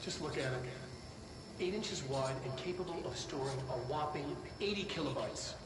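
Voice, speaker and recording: A male actor plays an enthusiastic, eccentric government researcher in a video game. He speaks in a halting, grandiose yet earnest way, with a slightly high voice. The recording is roomy and noisy, as if miked from afar. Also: natural voice. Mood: earnest fascination. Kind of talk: presentation in a video game's recorded briefing. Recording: noisy, roomy, distant-microphone archive-film sound.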